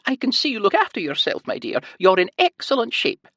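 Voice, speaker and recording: A man voicing a small, elderly, cheery Scottish woman nurse who talks in a high sing-song and leans on certain words. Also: wildly swooping pitch, fairly quick, fairly bright tone, slightly rough, dry recording, clean studio sound, heavily acted. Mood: sweetly cheery.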